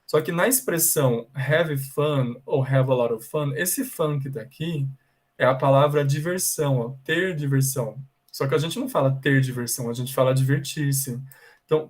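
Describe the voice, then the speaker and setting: A man's voice: mid-range voice, normal speed, rough recording. A man with a Brazilian Portuguese accent teaching a bilingual English class over a video call, patient and repetitive, often checking that students follow.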